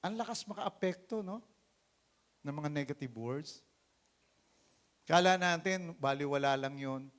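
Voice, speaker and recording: A man with a Filipino accent, a pastor preaching an animated sermon that swings between loud calls and low asides. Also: unhurried, long pauses. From Philippines.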